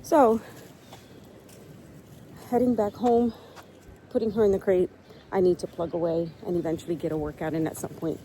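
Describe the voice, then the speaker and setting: A woman's voice: lowish voice, quick pace, warm tone, slight background noise, low-quality recording. A middle-aged woman with a cold, chatting upbeat and straight to camera in a casual vlog. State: sniffly with a cold. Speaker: lifestyle vlogger.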